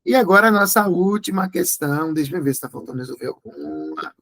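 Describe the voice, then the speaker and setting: A man's voice: a little high, wildly swooping pitch, fairly quick, fairly bright tone, poor audio. A Brazilian Portuguese tutor, a man, going through exam questions in a review class. He talks in a didactic way, checks in with his students often, and breaks words into syllables to stress them.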